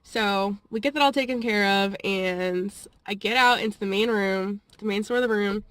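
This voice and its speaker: A woman's voice: mid-range voice, normal speed, fairly bright tone, no room sound. A young woman vlogging, telling a story in a rambling, chatty way and often laughing between phrases. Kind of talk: casual storytelling vlog.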